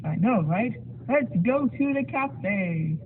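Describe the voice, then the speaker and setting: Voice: medium pitch, lively intonation, slow. A performer voicing a chatty, goofy sock puppet guide in a muffled voice, in an amateur puppet show. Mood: friendly, boastful. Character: chatty sock puppet showing a newcomer around town. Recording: tinny phone-like sound, faint noise.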